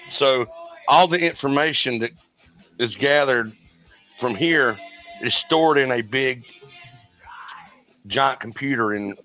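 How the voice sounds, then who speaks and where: A man's voice: medium pitch, slow pace, long pauses, bright, forceful tone, muffled recording, soft background music. A man, co-hosting a casual podcast chat, blunt and rambling with frequent restarts. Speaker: podcast co-host.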